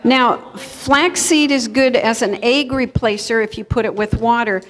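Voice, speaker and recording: A middle-aged woman leads a live cooking class before an audience in a church kitchen hall, explaining things in a relaxed, conversational way. She speaks at a measured pace in a fairly high voice. The recording of the event carries the hall's echo.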